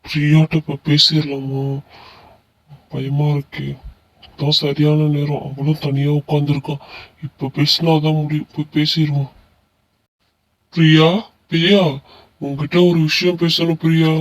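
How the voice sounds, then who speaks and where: A timid young cartoon man, as a man voices him, lovestruck and pleading. His voice is a little high, and he speaks hesitantly. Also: level tone, a little slow, pauses often, lightly acted, low-quality recording. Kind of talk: animated story voice acting.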